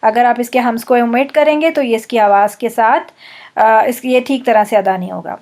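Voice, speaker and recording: A woman teaching recitation in a slow, careful way, saying each example word twice. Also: on the high side, a little mellow. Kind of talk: online lesson.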